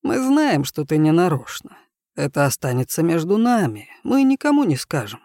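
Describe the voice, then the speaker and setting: A man reading an audiobook voices a stern, loyal wolf, speaking slowly and bluntly. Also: on the high side, wildly swooping pitch, a little mellow, dry recording, clean studio sound. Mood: conspiratorial.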